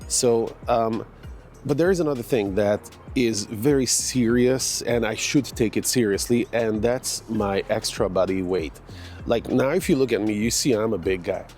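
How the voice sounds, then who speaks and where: A Hungarian fitness vlogger in his 40s chats casually while walking through an outdoor park in the morning, full of fillers and restarts. His voice is on the low side and darkish, at normal speed, with faint music behind him in this casual walking vlog.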